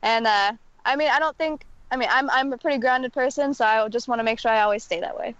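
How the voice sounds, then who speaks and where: A woman's voice: on the high side, fast, a bit bright, no echo, dull audio. A young woman, a guest actress, chatting casually on a podcast, telling stories with lots of "like" and giggles. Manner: storytelling, giggly, says "like" often.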